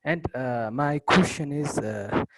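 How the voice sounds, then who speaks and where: A young man from Ethiopia asking a question in an online session through a fuzzy, distorted microphone, talking haltingly and repeating words. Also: on the high side, very noisy. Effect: fuzzy, distorted microphone sound. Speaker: prospective student asking a question.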